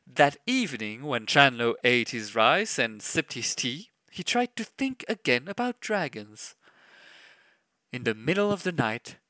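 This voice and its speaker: A man reading a storybook tale aloud, slowly and expressively, adding little sound effects. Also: a little high, pushed and bright, no room sound. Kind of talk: storybook read-aloud narration.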